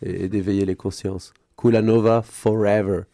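Man, radio host, playful theatrical intros, warm low tone. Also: little pitch movement, moderate pace, no echo. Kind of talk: playful radio show banter.

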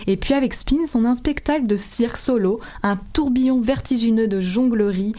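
A woman's voice: fairly high pitch, fairly quick, warm tone. A woman hosting an interview in a conversational way, gathering her thoughts aloud as she goes. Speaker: interview host.

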